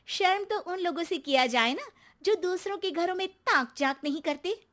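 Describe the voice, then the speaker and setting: Cartoon daughter-in-law, young woman, retorts sharply, bright high voice, voiced by a woman. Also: animated, normal speed. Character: outspoken young married woman.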